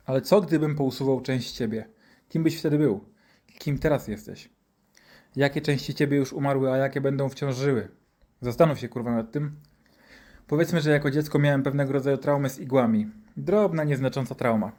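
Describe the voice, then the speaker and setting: A man's voice: medium pitch, a little mellow. A man narrating a story in a sarcastic, profane, rhetorical manner.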